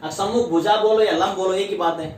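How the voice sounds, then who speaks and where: Distant, echoey Hindi-speaking maths teacher. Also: male voice, high voice, fast, a little mellow, a little hiss or hum. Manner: repeats terms and asks rhetorical questions. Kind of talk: classroom lesson. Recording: echoey room, voice from far off.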